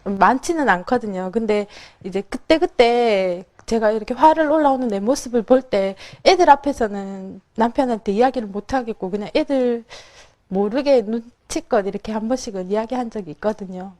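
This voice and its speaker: A woman's voice: a little high, moderate pace, darkish tone. Hesitant, polite woman asking for advice. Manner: hesitant and polite, many fillers. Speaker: audience member asking a question.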